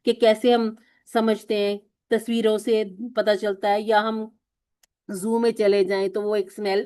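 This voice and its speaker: Woman, slightly high voice, patient course teacher who explains step by step. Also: a little mellow. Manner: patient, explanatory, often asks and answers her own questions. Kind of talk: recorded classroom lesson.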